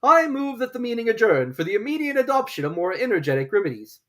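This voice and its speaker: A woman's voice: a little high, very animated, fast, voice pushed up. A woman voicing a solemn, grandiloquent storybook dodo with a ponderous, declaiming manner. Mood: solemn, pompous. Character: solemn, grandiloquent old-fashioned dodo, easily offended.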